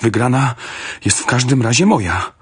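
A man voicing an excitable older army colonel who owns racehorses, speaking in loud, agitated exclamations that rise high, with a husky voice. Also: normal speed. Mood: bewildered.

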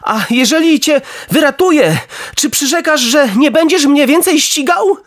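A man voicing a puppet boy in a storybook reading, sounding young, lively and a bit wary. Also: very high voice, normal speed, pitched above the performer's own voice. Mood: wary bargaining.

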